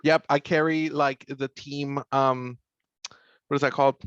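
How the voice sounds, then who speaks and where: A man playing his character in a tabletop game, relaxed and fumbling for words now and then. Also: mid-range voice, a little slow, clear, resonant tone, dry recording, muffled recording. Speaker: player. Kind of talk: casual tabletop role-play.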